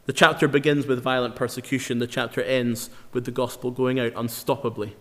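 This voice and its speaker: A man's voice: medium pitch, level tone, fairly bright tone. Earnest male preacher in a reverberant hall. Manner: earnest, emphatic, with slow dramatic repetitions. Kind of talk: sermon.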